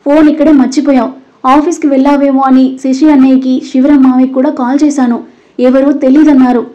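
Woman reader doing an emotional young wife, pleading and sulky, slightly higher. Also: steady tone, brisk, dark tone, lo-fi sound, lightly acted. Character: affectionate, worried young wife.

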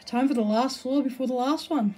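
A woman giving casual let's-play commentary, excitable, swearing and shouting at the game, cooing baby talk to an in-game pet. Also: sits high, brisk, slight background noise, poor audio. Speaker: gameplay streamer.

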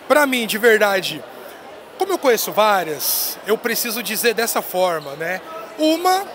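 Excited high-voiced man hosting at a fair. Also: a little hiss or hum. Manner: excited, playful, hyping the guest. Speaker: interviewer at a trade fair. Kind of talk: casual on-location interview. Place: busy indoor expo hall. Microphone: handheld mic. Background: crowd chatter of the fair.

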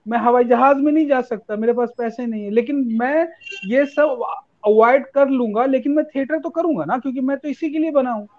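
Earnest man with a high voice on a call. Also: dry recording. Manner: earnest, argues with everyday examples. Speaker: panel guest. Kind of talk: online panel discussion. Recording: lo-fi online call audio.

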